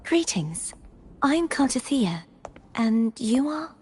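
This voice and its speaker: A gentle, youthful holy maiden. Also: female voice, sits high, sing-song, slow, breathy edge, heavily acted. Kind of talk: video game dialogue.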